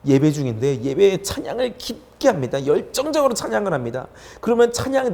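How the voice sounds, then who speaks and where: A young adult man preaching a sermon as a youth pastor, telling a personal story in an animated way and acting out his own quoted words. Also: high voice.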